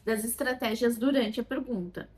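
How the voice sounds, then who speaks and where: A woman's voice: fairly high pitch, moderate pace. A Brazilian woman teaching how to use a children's learning game, recorded on a phone, at times modelling questions as if to a child. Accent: Brazilian Portuguese. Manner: animated, talks as if to a child when modelling questions. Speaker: child development educator.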